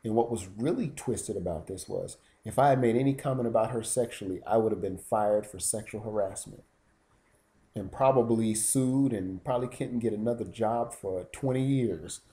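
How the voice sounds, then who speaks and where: A man's voice: fairly low pitch, moderate pace, mellow. A man telling stories in a casual vlog monologue, rambling and indignant. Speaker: YouTube vlogger.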